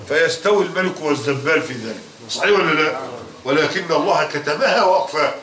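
Egyptian preacher, high-pitched, echoing mosque. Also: male voice, distant mic, a little hiss or hum. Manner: animated, mixes classical and colloquial Arabic, quizzes listeners. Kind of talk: mosque sermon with questions to the congregation. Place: large mosque. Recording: roomy, from off mic.

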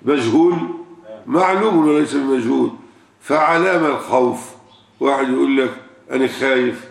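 A man's voice: medium pitch, moderate pace, creaky. An older man with an Egyptian Arabic accent, a sheikh answering questions in a religious sermon, who asks rhetorical questions and repeats key words for emphasis. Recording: echoey room, far from the mic.

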